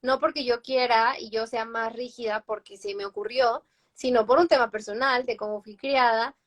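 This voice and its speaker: A woman's voice: fairly high pitch, fairly even intonation, normal speed. A young adult woman, a psychologist guest on a live stream, explaining through personal examples and tag questions. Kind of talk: live-stream advice talk.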